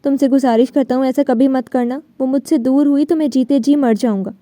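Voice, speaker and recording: A woman's voice: high-pitched, steady tone, mellow, no room sound, natural voice. A woman reading the part of an older father who begs and pleads, in an audiobook novel. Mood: pleading. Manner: pleading, begging.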